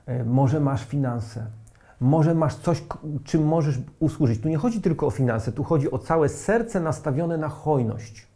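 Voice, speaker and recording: Middle-aged guy preaching, gravelly and dark, keeps firing questions at the crowd. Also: a little high, expressive, unhurried. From Poland. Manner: emphatic, rhetorical questions to the audience. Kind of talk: sermon.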